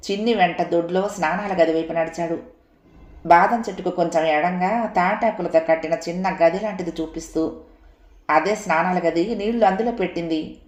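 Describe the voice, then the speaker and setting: A woman narrating a story in a steady, expressive reading. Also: lowish voice. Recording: echoey room.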